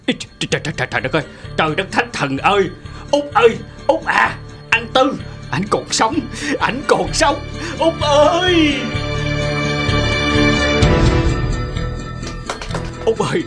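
A man playing an excitable old neighbor who exclaims and repeats himself. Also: on the high side, very fast, hardly any pauses, music in the background. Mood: excited. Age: older.

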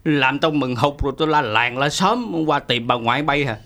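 A man playing an excitable old neighbor who exclaims and repeats himself. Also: medium pitch, normal speed. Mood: fussing. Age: older.

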